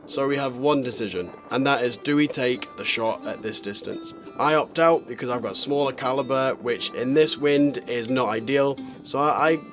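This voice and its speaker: Guitar music plays clearly behind a man's voice-over. He tells the story in the first person as a vlog narrator, at a medium pitch. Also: normal speed, few pauses.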